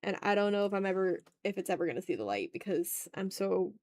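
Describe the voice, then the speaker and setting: A woman from the Southern United States streams herself drawing, chatting casually with viewers in a self-deprecating, playfully exasperated way. Her mid-range voice talks fast with big pitch swings and has a slightly mellow quality, with no echo.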